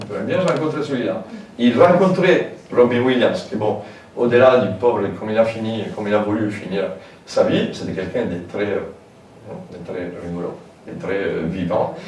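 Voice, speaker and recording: A man's voice: fairly low pitch, darkish tone, a little hiss or hum. Male lecturer, casual, hesitant asides, distant mic in an echoey hall. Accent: French with a foreign lilt. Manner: informal, hesitant, many fillers and asides. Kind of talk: public lecture.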